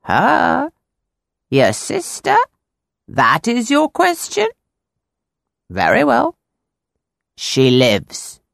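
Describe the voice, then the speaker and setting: A woman voicing a gruff, scornful old female fortune-teller who speaks slowly and cryptically. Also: on the high side, wildly swooping pitch, no room sound, studio quality, voice pushed up, full character voice.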